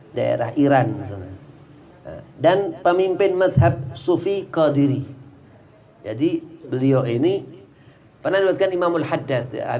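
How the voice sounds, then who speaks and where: A man's voice: medium pitch, a little mellow. Chatty man teaching a religious study class. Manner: chatty, digressive explaining with many "nah" and "ya" fillers.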